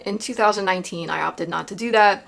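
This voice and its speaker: A woman's voice: medium pitch, fast, creaky, a bit bright, slight background noise. A woman vlogger recounting a personal experience in a casual confessional monologue, rambling with lots of fillers and tag questions.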